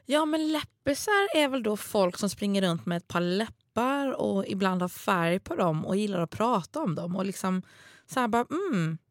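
A woman's voice: mid-range voice, lively intonation, no room sound, studio quality. Casual Swedish woman podcaster with a Stockholm accent. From Småland, Sweden. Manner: playful, babbling, informal. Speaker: podcast co-host.

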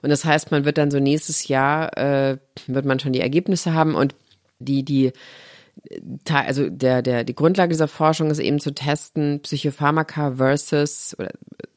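A middle-aged German woman appears as a podcast guest, earnestly explaining her health platform at length. Her voice is low with fairly even intonation at a normal speed, recorded dry in a clean studio.

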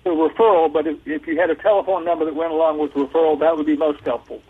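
A man in his seventies calling a radio show over a landline phone, plain-spoken and deliberate, sometimes halting. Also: a little high, steady tone, slightly rough. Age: 70s. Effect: landline telephone. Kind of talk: casual conversation on a call-in show. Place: on a landline telephone. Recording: muffled landline phone call.

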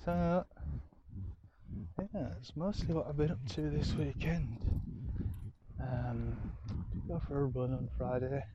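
Speaking slowly in a mid-range voice, this Yorkshire-accented podcast host chats diary-fashion about his weekend from home, umming often and putting himself down. The sound is lo-fi and very noisy.

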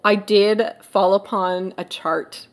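A woman's voice: medium pitch, slow. Chatty young woman rambling about a book. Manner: animated, rambling, many restarts and fillers. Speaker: podcast co-host. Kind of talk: casual book chat.

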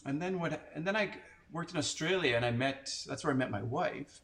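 A man's voice: fairly high pitch, lively intonation, fairly quick, a bit bright. A man in his forties from Canada, chatting casually and telling stories with lots of fillers and restarts. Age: 40s. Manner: rambling, filler-heavy storytelling. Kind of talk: casual chat.

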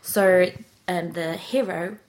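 A British woman podcast host with a slightly low voice. She tells stories in a casual, chatty way, as if talking with a co-host. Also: fairly even intonation, takes it slowly. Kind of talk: casual chat and storytelling.

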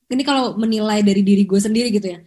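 A young woman, co-hosting a podcast in casual, animated chat. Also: medium pitch, very fast. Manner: chatty, animated storytelling with Jakarta slang. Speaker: podcast co-host.

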